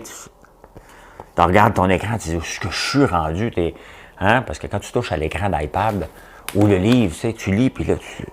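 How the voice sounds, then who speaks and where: A man with a Québécois accent hosts a casual news commentary show in a deep, low-pitched voice. He rambles and jokes through the news and leans on plenty of fillers as he goes. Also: a little mellow, slight background noise. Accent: Québécois French. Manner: rambling and jokey, heavy on fillers.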